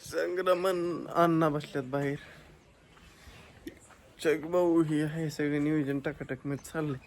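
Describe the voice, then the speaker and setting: A man's voice: fairly high pitch, fairly even intonation, measured pace, low-quality recording. A man, chatting and rambling to his viewers in a casual vlog, recorded outdoors on a farm at dusk on a phone. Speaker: vlogger. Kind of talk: casual vlog chat to camera. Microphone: phone camera. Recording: outdoor phone audio with clear background noise.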